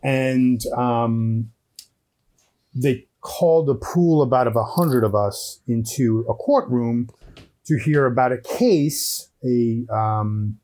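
A man guest on a podcast, telling a story in a measured, deliberate way over a headset microphone. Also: mid-range voice, mellow. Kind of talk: casual storytelling chat.

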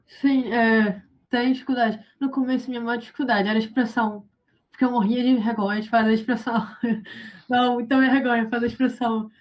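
Being interviewed, this university student speaks brisk English with a Brazilian Portuguese accent in a fairly high, steady voice. She's a young adult and sounds unsure, often restarting and leaning on filler words.

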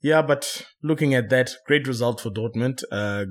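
A man leads a relaxed football discussion in an ordinary middle-pitched voice. He talks with frequent fillers and stops to correct himself. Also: normal speed. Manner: hesitant, self-correcting, many fillers. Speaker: podcast host. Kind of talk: casual football chat.

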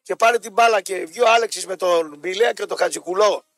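A man's voice: high voice, a bit bright, dry recording, clean studio sound, faint music behind. A Greek man co-hosting a casual football talk show. He speaks bluntly and emphatically, argues his picks hard and throws in crude jokes. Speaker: football pundit co-host.

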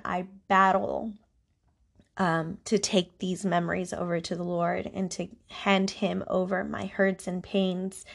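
Woman podcast host, stuffed up nose from allergies, gravelly creaky voice, talking slow and reflective. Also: medium pitch. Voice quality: congested. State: congested from allergies, voice not its normal sound. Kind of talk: personal faith talk, monologue.

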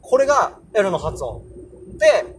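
A man's voice: high voice, big pitch swings, a little slow, a little hiss or hum. A young man casually hosting a solo podcast, explaining English pronunciation and sounding out example words aloud. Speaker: podcast host.

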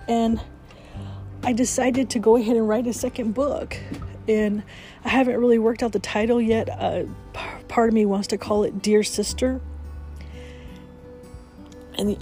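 This podcast host has a medium-pitched, dark voice and sounds sniffly from a cold. Her casual morning chat stays cheerful, and she laughs frequently.

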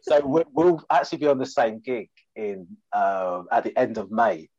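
A man's voice: fairly low pitch, lively intonation, moderate pace, darkish tone, muffled recording. A man from Essex with an Essex accent, chatting casually as a comedian guest on a podcast in a jokey, self-deprecating way. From Essex, England. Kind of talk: casual chat.

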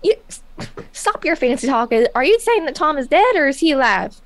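A woman's voice: high voice, sing-song, normal speed, a little hiss or hum. A woman running a tabletop game as game master, narrating casually and voicing a merchant. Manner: casual, laughing, voices a merchant.

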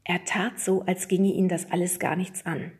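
A woman reading a children's storybook aloud, narrating lively and putting on voices for the characters. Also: lowish voice, moderate pace. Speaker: audiobook reader.

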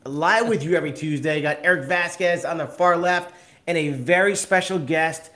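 A man's voice: fairly high pitch, normal speed, bright, forceful tone. A man hosting a live video podcast, upbeat and chatty, often stumbling over words and repeating himself. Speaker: podcast host.

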